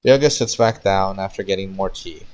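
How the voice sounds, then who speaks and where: A man with a fairly low voice on a casual livestream. He reads his own story aloud and talks to viewers in a hesitant, unpolished manner. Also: moderate pace, a little mellow, low-quality recording. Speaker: streamer.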